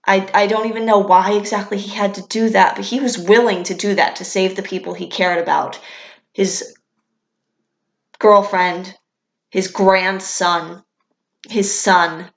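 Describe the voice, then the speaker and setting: A young woman vlogger chats about a favorite show in a candid, enthusiastic way and swears casually now and then. Her voice sits at an ordinary middle pitch. It is recorded in a room that gives it a noticeable echo. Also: steady tone, unhurried, vocal fry. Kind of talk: casual fan commentary. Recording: echoey room.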